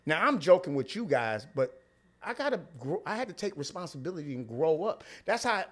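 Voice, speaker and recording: A man's voice: on the high side, sing-song, a little fast, a bit bright. St louis accent guy chatting candidly on a podcast, cusses a lot, slangy, repeats himself to make a point. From St. Louis, United States. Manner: slangy, profane, repeats phrases for emphasis. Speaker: comedian guest. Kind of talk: candid casual podcast chat.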